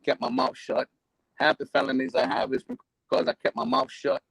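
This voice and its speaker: Guest: New man, heavy vocal fry, dry close sound, rambling and profane. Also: extremely high pitch, flat delivery, moderate pace, a bit bright, no room sound, rough recording. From New York. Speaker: interview guest. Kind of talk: candid life story.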